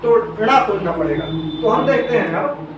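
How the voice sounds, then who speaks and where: High-voiced man teaching grammar, echoey room. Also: lively intonation, moderate pace, highs cut off. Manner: asks questions and then answers them himself, repeating key terms. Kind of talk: explaining grammar rules step by step. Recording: echoey room, voice from some distance off the mic, faint noise.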